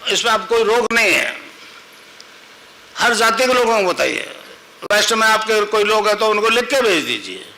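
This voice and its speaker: A man's voice: high voice, sing-song, moderate pace, pauses often, bright, forceful tone, rough recording. An older man, a spiritual guru, giving a devotional sermon, telling a story and patiently repeating a mantra for his listeners.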